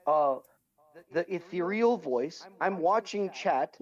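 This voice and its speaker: Man doing a drawn-out, far-off disembodied voice, slightly high, muffled off-mic sound. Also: lively intonation. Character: man playing a slow, drawn-out disembodied off-screen voice. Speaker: co-host relaying the live chat. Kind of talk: casual stream chat.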